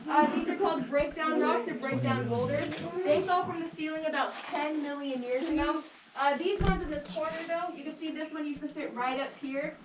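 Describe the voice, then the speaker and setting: A woman's voice: sits high, a little fast, over a noisy crowd. A woman working as a tour guide, talking casually and jokingly to a group inside an echoing cave. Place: underground cave room. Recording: echoey cave, distant mic, clear background noise.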